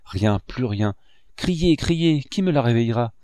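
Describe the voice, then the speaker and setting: A man's voice: lowish voice, lively intonation, fairly quick, darkish tone, no room sound, studio quality, lightly acted. A man voicing a frantic grieving old painter.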